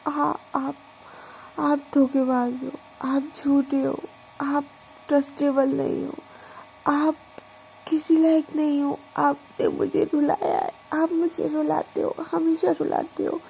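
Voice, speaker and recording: A woman's voice: high-pitched, big pitch swings, slow pace, long pauses, dark tone, slight background noise, voice pushed up, exaggerated voice, poor audio. A woman doing a hurt, tearful young wife. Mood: hurt accusing. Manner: tearful, accusing. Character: hurt weeping young wife feeling betrayed.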